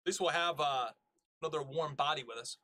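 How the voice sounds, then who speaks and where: A man's voice: a little high, brisk, bright, forceful tone. A man streaming a shooter game, joking and chatting playfully with his viewers. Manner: playful, jokey, talks to chat. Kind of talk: casual gameplay commentary.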